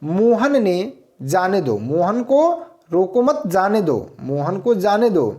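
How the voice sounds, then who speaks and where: A man's voice: high-pitched, very animated, takes it slowly, a little mellow. A man teaching a grammar lesson for exam students, explaining step by step and asking and answering his own questions.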